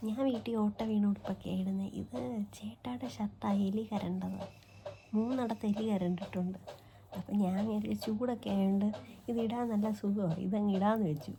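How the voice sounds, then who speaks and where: A woman's voice: medium pitch, fairly even intonation, a little fast, dark tone. A young woman chats to her viewers about her day in a casual home vlog. Her voice sits in the middle of the female range and speaks straight into a handheld phone. A faint background noise stays under her voice. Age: young adult. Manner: chatty, talks straight to viewers. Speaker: vlogger and young mother. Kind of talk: casual daily-life vlog chat. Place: family home and garden.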